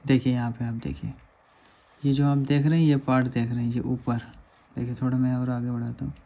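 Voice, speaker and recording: A man's voice: medium pitch, flat delivery, fairly quick, vocal fry, mellow, dull audio. A man teaching a lesson over diagrams, patiently asking questions and answering them himself.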